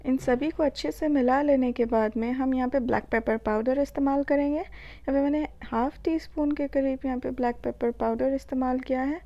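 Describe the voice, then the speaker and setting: A high-pitched woman with an Indian accent gives a voice-over for a home cooking tutorial. Her tone is soft and mellow. She calmly walks through each step and pauses now and then to think. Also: dull audio. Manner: calm step-by-step instructions with filler pauses. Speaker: cooking channel host.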